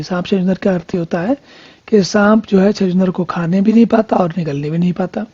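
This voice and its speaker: Husky, mellow scripture teacher. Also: mid-range voice. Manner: chants verses slowly, then explains in plain conversational talk. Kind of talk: verse-by-verse scripture commentary. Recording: dull lo-fi recording.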